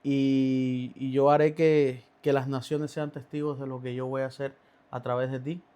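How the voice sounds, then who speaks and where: With a medium-pitched, mellow, smooth voice and a level tone, a podcast guest from Cuba shares his faith testimony in an interview. His telling is halting, with frequent restarts and fillers.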